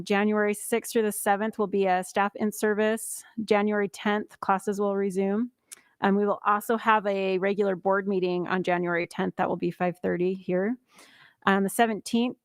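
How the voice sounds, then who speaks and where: A woman's voice: mid-range voice, clear, resonant tone, no room sound. Woman chairing a meeting, dry close sound. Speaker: school board president chairing. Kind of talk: informal meeting chairing, reading out announcements. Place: school board meeting room.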